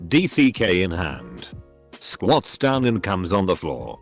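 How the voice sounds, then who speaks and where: A man reading out online posts in a flat, machine-like way, spelling some words letter by letter. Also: sits low, slow pace, faint music behind. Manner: reads abbreviations letter by letter, odd phrasing. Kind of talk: flat text-to-speech reading.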